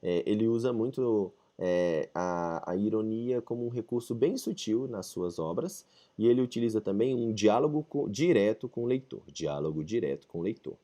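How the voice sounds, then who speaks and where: A young Brazilian man teaching literature in a relaxed, chatty way, with a lowish, warm and mellow voice. He talks to students like a friend, full of slang and the odd English phrase. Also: normal speed, few pauses. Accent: Brazilian Portuguese. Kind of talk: casual video lesson.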